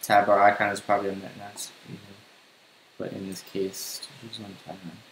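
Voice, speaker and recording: A man's voice: fairly low pitch, level tone, normal speed. A young man teaching coding in a casual screencast, talking to himself as he types. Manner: casual, thinking aloud while typing. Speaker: coding tutor. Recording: roomy home recording with faint hiss.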